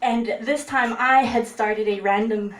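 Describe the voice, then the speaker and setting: On stage, a young storyteller delivers comedic tales in an animated way, breaking into laughter and performing the quotes of the people involved. Her pitch is fairly high and her pace unhurried. Echo fills the room, she sounds far away, and there's faint hiss or hum.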